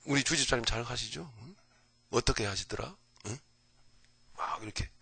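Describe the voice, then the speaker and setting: A male pastor giving an early morning Bible lecture in a folksy, animated way, jumping between loud outbursts and whispers and often asking his listeners "right?". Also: mid-range voice, fairly quick, vocal fry, breathy edge.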